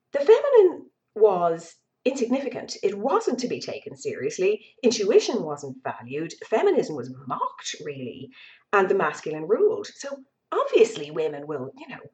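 A woman's voice: lowish voice, darkish tone. A woman giving an earnest, reflective spiritual talk, stretching out key words as she speaks. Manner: earnest, unhurried, drawn-out emphasis on words. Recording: dull lo-fi recording.

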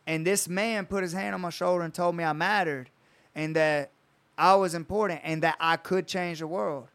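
Guy, coach, swears a lot telling his story, kinda high voice, real clean and smooth. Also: fairly even intonation, normal speed, a bit bright. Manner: storytelling, retells conversations with swearing. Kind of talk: casual podcast chat.

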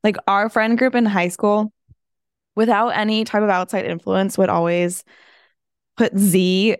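A young woman co-hosting a casual podcast, with vocal fry, rambling with many "like" fillers. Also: medium pitch, steady tone, a little slow, no room sound, studio quality. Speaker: co-host. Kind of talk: casual chat.

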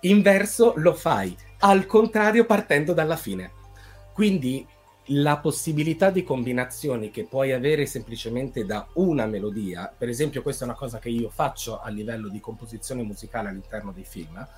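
A film composer with a mid-range voice explains his craft at a moderate, relaxed pace, building his points step by step with examples and even humming a melody. Soft music plays faintly underneath this casual chat.

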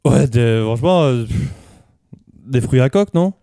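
An easygoing male host leads improvised radio comedy, hesitating often between thoughts. His voice is mellow and smooth. The recording is dry and close. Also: medium pitch, animated, measured pace, no echo.

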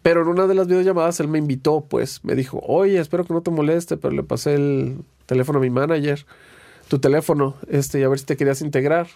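A Mexican man in his younger years chats casually as an interview guest, his voice sitting a little higher than most men's. He wanders through stories in loose slang, restarting his sentences as he goes. The sound is dry and close, with no room around it. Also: quick pace, gravelly, no room sound. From Guadalajara, Mexico. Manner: relaxed, rambling storytelling with slang and restarts. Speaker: guest, guitarist and producer.

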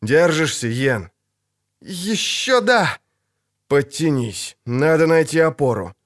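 A man reading an audiobook, voicing a grim, weary monster hunter who speaks low and terse. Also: very animated, takes it slowly. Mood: strained.

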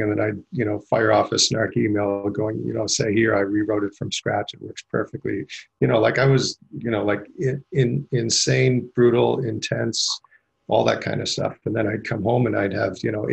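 Middle-aged guy rambling into a mic at a meditation group, super gravelly and husky, lowish voice. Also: low-quality recording. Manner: rambling, candid, many fillers. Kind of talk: group discussion share. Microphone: handheld mic passed around.

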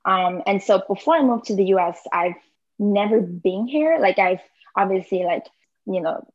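A woman's voice: mid-range voice, animated, normal speed, no room sound, lo-fi sound. Hesitant young woman from southern China. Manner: hesitant, many fillers, frequent laughs. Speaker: podcast guest. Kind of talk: casual conversation.

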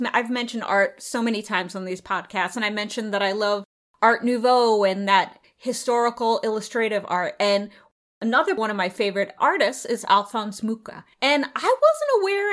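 A woman's voice: a little high, a bit bright. A woman co-hosting a travel podcast, chatting casually and enthusiastically about places she visited. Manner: enthusiastic, descriptive. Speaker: podcast co-host.

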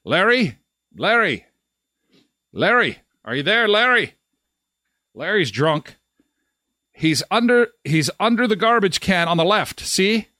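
A man's voice: high-pitched, big pitch swings, slow pace, long pauses, bright, forceful tone, no room sound, clean studio sound. A man hosting a live morning show, joking and rambling with lots of fillers. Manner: jokey, rambling, many fillers. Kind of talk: casual live show chat.

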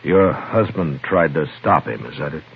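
An actor playing a steady, terse Old West marshal in a vintage radio western. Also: male voice, extremely low pitch, husky, heavily acted. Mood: calm, grave. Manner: measured, terse, understated. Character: steady, laconic Old West lawman, firm and calm. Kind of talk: old-time radio western acting and narration. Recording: noisy, narrow-band old radio recording.

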